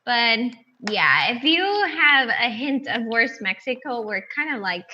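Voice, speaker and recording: Woman guest in her 20s from Colombia, native Spanish speaker, bright and chatty, over a muffled lo-fi call. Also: a little high, sing-song, a little slow, slight background noise. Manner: cheerful, chatty, laughs easily. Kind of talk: casual video-call chat.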